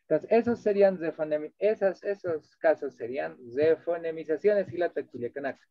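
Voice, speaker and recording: A man's voice: a little high, brisk, no room sound. A man lecturing as a translation course instructor, explaining patiently and checking in with his listeners as he switches between two languages. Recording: dull dry lo-fi audio.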